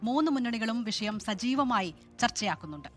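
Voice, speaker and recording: A woman reading a formal news introduction in a steady delivery. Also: a little high, fairly quick, faint music behind. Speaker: news anchor.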